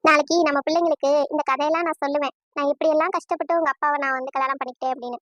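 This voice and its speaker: A woman's voice: fairly even intonation, rapid-fire, a bit bright, no room sound, highs cut off, soft background music. A woman voicing a young bride-to-be in a cartoon, tearful and devoted, with emotional, pleading speech. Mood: tender. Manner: pleading, emotional, high-pitched. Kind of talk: cartoon voice acting.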